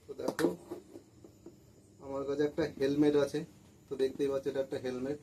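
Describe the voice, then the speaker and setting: A man's voice: medium pitch, little pitch movement, brisk. A man teaching a lesson to school students, patiently repeating words and asking questions he then answers himself. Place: room with a board. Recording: faint background noise.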